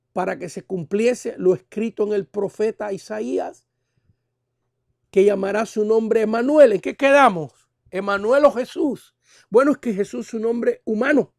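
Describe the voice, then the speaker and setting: A male pastor teaching a Bible seminar, asking rhetorical questions and swinging between loud and soft. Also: high voice, creaky, no room sound, clean studio sound. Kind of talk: sermon.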